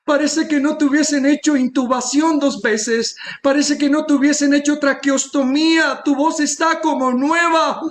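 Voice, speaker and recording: A woman's voice: sits high, fairly even intonation, normal speed, hardly any pauses, voice pushed up, lightly acted. A man acting out an overjoyed female speech therapist who exclaims in astonishment. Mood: amazed, ecstatic.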